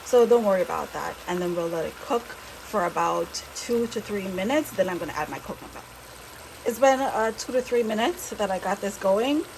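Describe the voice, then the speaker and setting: A woman's voice: mid-range voice, lively intonation, normal speed, vocal fry, a little mellow, slight background noise. A woman with a mid-range voice hosts a casual home cooking video at her stove. She chats easily and reassures the viewer, stopping now and then to check that they are following along. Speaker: cooking channel host. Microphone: camera she set up herself.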